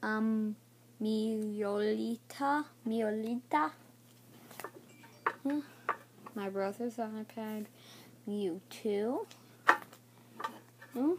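A woman showing off trading cards in a casual video, naming each one haltingly and unsure of some names. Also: on the high side, darkish tone, slight background noise. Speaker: card showcase vlogger. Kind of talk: casual card showcase.

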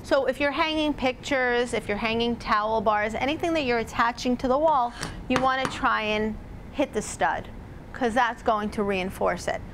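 A chatty woman with a fairly high voice walks a small live audience through household repairs. She talks to them directly and casually, with a faint hum of the room behind her, picked up on a lapel mic. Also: normal speed. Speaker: home repair demonstrator. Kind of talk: live workshop demonstration.

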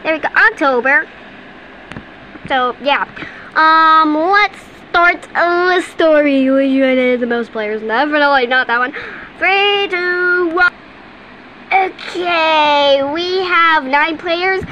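A woman's voice: high voice, takes it slowly, sharp tone, lo-fi sound, a little hiss or hum. A female gamer chatting casually and giggling as she plays, with lots of ums along the way, at home at her computer. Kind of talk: casual game commentary.

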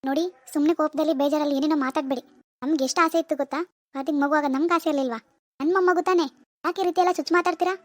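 A woman's voice: sits high, fairly even intonation, very fast, no room sound, natural voice. A woman voicing a grieving, defensive mother-in-law in a cartoon. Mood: indignant. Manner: wailing laments, then stern rebukes. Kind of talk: animated cartoon voice acting.

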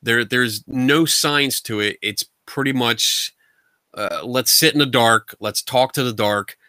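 Speaking slowly in a mid-range voice, this middle-aged man from the US appears as a guest paranormal investigator in a casual video call interview. He talks from a home room crammed with collectibles, bluntly and colloquially, with animated energy. His voice comes across bright and forceful, dry and close, without any room sound.

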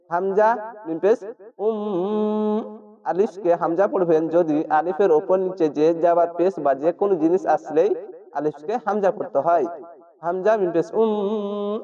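A man teaching Quran reading, spelling each word letter by letter with its vowel marks and then drawing out the recited word slowly. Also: high-pitched, dark tone, distant mic. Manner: patient, breaks words into letters and vowel marks, then chants them slowly. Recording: dull lo-fi sound, slightly off-mic.

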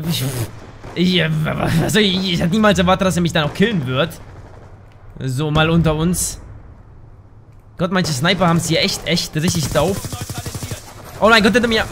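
A man giving casual gameplay commentary, excitable, yelping and swearing at the game into a desk microphone at home. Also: high-pitched, slight background noise. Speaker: gaming YouTuber.

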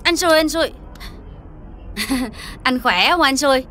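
A woman's voice: high voice, slow, pushed and bright, exaggerated voice. An actress playing a scheming middle-aged mother-in-law in a TV drama, pleading and wailing melodramatically. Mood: wheedling. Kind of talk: TV drama acting.

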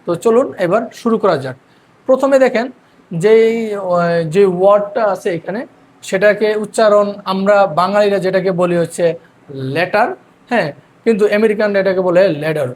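A man's voice: sits high, darkish tone, a little hiss or hum. A man teaching English pronunciation, explaining step by step and drawing out each word syllable by syllable. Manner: repeats words slowly and drawn out, syllable by syllable. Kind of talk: explanatory lesson.

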